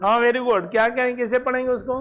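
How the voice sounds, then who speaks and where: A teacher giving a classroom lesson, asking the students questions and slowly repeating each word for them. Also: mid-range voice, steady tone, a loud crowd. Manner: quizzes students, slowly drills words. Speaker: Arabic teacher.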